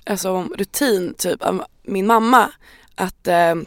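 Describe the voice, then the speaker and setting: Gravelly-voiced woman telling a story. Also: medium pitch, dry recording, studio quality. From Stockholm. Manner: lively anecdotal, acts out quotes, swears casually. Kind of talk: casual chat, storytelling.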